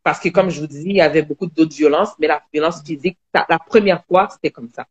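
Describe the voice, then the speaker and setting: Woman, Quebec French accent, guest, personal testimony, halting, restarts often. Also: sits low, breathy edge, lo-fi sound. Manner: halting, many restarts and fillers, earnest. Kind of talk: personal testimony in an online live interview.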